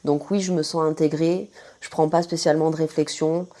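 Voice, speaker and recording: Woman, French accent, low voice, mellow tone, casual Q&A, lots of fillers. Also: level tone, brisk. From France. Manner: chatty, many fillers and self-corrections. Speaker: food vlogger answering viewer questions. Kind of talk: casual Q&A chat to camera.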